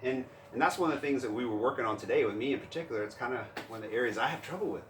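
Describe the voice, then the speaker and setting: A man talks through jiu-jitsu mistakes in an easy, animated way, his voice landing at a middle pitch. He sounds set back from the mic in a roomy gym, with a faint hum of ambience behind him. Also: racing, far from the mic. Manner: animated, acts out panicked grappler in higher voice. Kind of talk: casual instructional chat.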